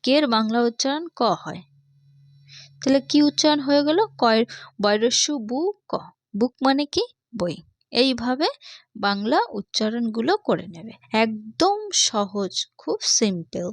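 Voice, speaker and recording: A woman's voice: a little high, expressive, measured pace, no room sound. A woman with a Bangladeshi accent teaching an English reading lesson to young children, patiently repeating each point and asking the class questions.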